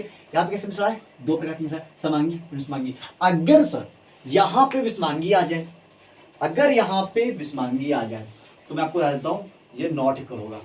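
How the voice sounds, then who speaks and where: A high-pitched man teaching chemistry with lively energy, drilling key terms over and over and coaxing his students along. He sounds a little away from the mic, with faint room ambience behind him. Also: recorded from a distance, slight background noise, low-quality recording. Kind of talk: energetic classroom lecture.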